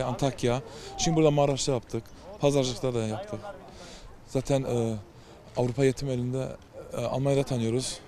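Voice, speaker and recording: A man volunteer answers an interviewer's questions outdoors in a town street. He speaks earnestly in a halting way, pausing and restarting his sentences. His voice is dark and mellow at an ordinary pitch.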